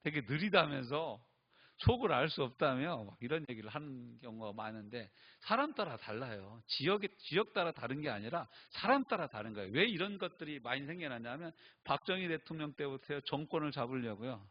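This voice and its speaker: A man's voice: medium pitch, sing-song, fairly quick, muffled recording. A male pastor from Chungcheong preaching in a conversational, emphatic style, asking many rhetorical questions. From Chungcheong, Korea. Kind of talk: sermon.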